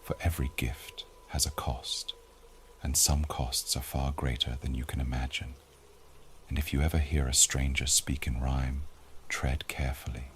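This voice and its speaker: A man narrating a scripted horror story in a hushed, often half-whispered delivery. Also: extremely low pitch, flat delivery, normal speed, slight background noise.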